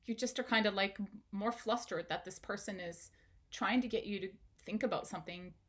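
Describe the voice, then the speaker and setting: A woman's voice: medium pitch, normal speed, fairly bright tone. A woman, a parenting educator, giving an instructional talk straight to the viewer, asking questions and encouraging them.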